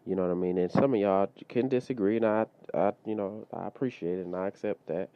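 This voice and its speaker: A man with a very low, deep voice talks off the cuff on his solo podcast, looping back with fillers and asides. His comes through in a relaxed, conversational flow. The audio is a bit dull and lo-fi. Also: quick pace, clean tone, dry recording. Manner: loose conversational, many fillers like "you know what I mean". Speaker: podcast host. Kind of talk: casual solo podcast monologue.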